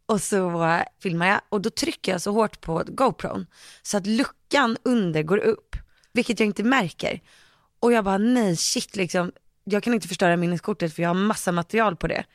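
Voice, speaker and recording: On a chat podcast, the female co-host spins a lively story packed with quoted asides, often saying "jag bara" about herself and laughing a lot. She has a mid-range voice, captured at studio quality with no room sound.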